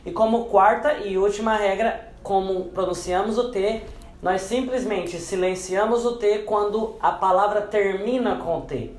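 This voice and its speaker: At a measured pace, a man teaches English pronunciation in a reverberant room. He explains each rule patiently and repeats the example words several times, pitching them lower.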